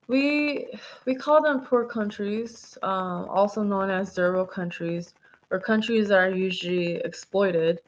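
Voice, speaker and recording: A woman guest heard over a call line, answering in a rambling way full of fillers and self-corrections. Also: mid-range voice. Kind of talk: casual interview answers. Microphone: video call. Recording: dull lo-fi call audio.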